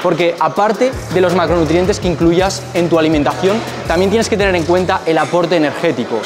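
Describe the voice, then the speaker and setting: A man's voice: fairly high pitch, brisk. A young man, a fitness coach, giving direct gym advice to the camera in an indoor gym, with rhetorical questions, on a clip-on mic. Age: young adult. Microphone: small clip-on mic on shirt. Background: background music.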